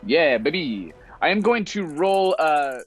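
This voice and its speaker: A man with a fairly high voice and big pitch swings takes his time, chatting casually and playfully as a player in a tabletop roleplaying game. The lo-fi mic sounds slightly dull, and music plays in the background.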